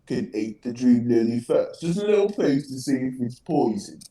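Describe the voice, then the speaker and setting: A man's voice: mid-range voice, very animated, normal speed, mellow. A man playing a tabletop game, joking and suspicious in his banter. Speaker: player. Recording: roomy, distant mic.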